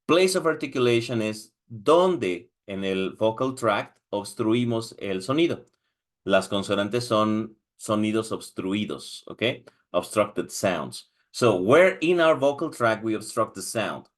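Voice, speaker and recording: A man's voice: on the low side, lively intonation, takes it slowly. A man with a Mexican Spanish accent explains exam questions step by step. He asks the viewers questions and checks in with a frequent "ok?". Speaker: English teacher preparing exam candidates. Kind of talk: screen-recorded lesson, switching between Spanish and English.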